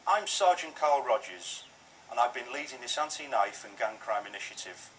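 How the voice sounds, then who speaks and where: A British police officer gives a scripted public safety appeal in a formal, earnest way. His voice is medium in pitch, expressive and a bit bright, at normal speed. It comes across as distant, slightly noisy screen playback.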